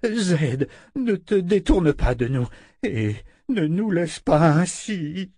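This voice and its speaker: A man's voice: on the high side, very animated, takes it slowly, dark tone, dry recording, studio quality, pitched above the performer's own voice, exaggerated voice. A man reading a French audiobook, voicing a frightened grown man who pleads urgently in a raised voice. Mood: pleading.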